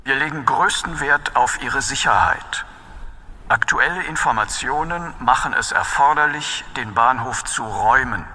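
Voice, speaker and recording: A man voicing a serious, official railway announcer with a flat, formal delivery. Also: medium pitch, a little slow, exaggerated voice.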